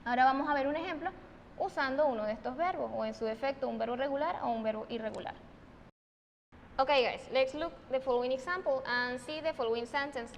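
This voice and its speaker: Venezuelan lady teacher, high voice, repeats words slow, echoey room w faint hum. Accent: Venezuelan Spanish. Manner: slow, emphatic repetition of example words; switches between Spanish and English. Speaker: English teacher. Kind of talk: recorded online English lesson.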